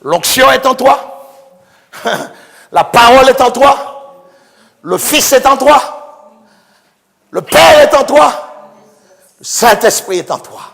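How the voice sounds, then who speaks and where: High-voiced man preaching fervently, slow and echoey. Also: animated, gravelly. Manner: fervent preaching, swings from hushed to shouting. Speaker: pastor. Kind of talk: sermon. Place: church. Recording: echoey church hall with congregation.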